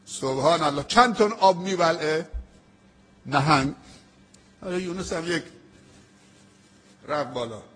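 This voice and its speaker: A male preacher telling a religious story in an emphatic sermon, slowing down to quote prayers. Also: fairly high pitch, animated, fairly bright tone, breathy edge. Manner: emphatic storytelling preaching with dramatic pauses, quoting prayers slowly.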